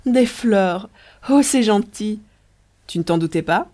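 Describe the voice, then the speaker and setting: A reader doing a playful young woman in love, light eager voice, mellow tone, audiobook. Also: mid-range voice, a little fast, lightly acted. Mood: enthousiaste.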